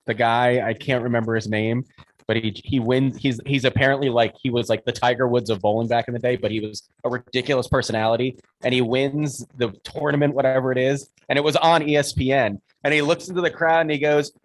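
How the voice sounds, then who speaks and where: A man's voice: medium pitch, fairly even intonation, fairly quick, rough recording. A man who does stand-up, co-hosting a casual comedy podcast, telling rambling anecdotes and laughing often. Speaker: podcast co-host, stand-up comic.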